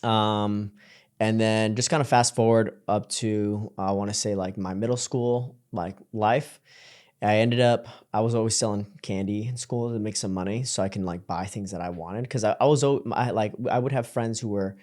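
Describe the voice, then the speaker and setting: A young man from Colombia talks through his life story as a podcast guest, in a fairly low voice. He speaks casually, with plenty of "um" and "like" and frequent restarts. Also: normal speed. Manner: relaxed, full of fillers and restarts. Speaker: podcast guest, creative entrepreneur. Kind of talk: casual interview chat.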